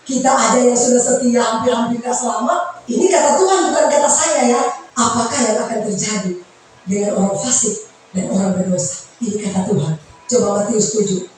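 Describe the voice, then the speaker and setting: A high-voiced woman preaches with fervor, her voice rising into sung shouts and then dropping to a hush. She is heard from some distance in a very echoey church hall. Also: brisk, soft background music. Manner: impassioned preaching, swinging between sung shouts and hushed asides. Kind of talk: sermon.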